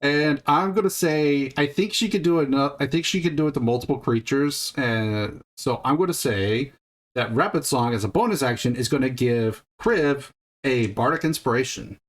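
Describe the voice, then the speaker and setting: A man's voice: mid-range voice, moderate pace. Man patiently running a tabletop game. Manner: explains rules patiently, thinking aloud with restarts. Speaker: game master.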